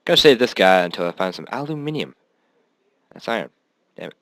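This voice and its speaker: A man's voice: fairly low pitch, very animated, brisk, a bit bright, dry recording. A man giving rambling, casual commentary on his own strategy game, swearing often and laughing at himself.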